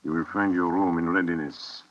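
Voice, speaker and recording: An actor playing a courteous, menacing vampire count in 1930s radio drama style, slow and formal, on an old muffled recording. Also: male voice, low voice, steady tone, lightly acted. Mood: courteous menace. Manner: slow, formal, ominously polite.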